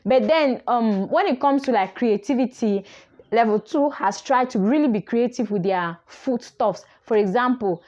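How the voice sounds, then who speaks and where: A woman's voice: a little high, normal speed, darkish tone, lo-fi sound. A young woman chatting casually as she recaps a reality show, opinionated and thinking aloud with fillers. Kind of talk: casual chat.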